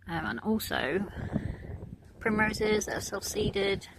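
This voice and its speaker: A woman chatting casually as she walks around her garden, relaxed and full of ums. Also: medium pitch, slow, noisy background. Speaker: gardening vlogger. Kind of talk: casual garden tour narration. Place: outdoors in a garden.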